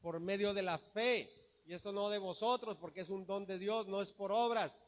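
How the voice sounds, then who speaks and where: A man's voice: high voice, normal speed, long reverb tail. A man preaching a sermon with emphasis, asking the congregation rhetorical questions.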